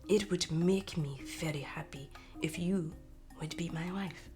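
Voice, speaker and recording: A woman voicing a kind, wise male snake king in a solemn, measured manner for a storybook tale. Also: lowish voice, over music, close to an everyday voice. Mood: solemn, tender.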